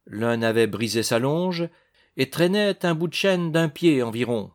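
A man's voice: mid-range voice, expressive, a little slow, close to an everyday voice. A man voicing a plain, frank male inn servant giving testimony.

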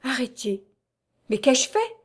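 A woman's voice: sits high, big pitch swings, slow, breathy edge, pitched above the performer's own voice, heavily acted. A woman voicing a young noblewoman under arrest, pleading and distraught. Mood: despairing.

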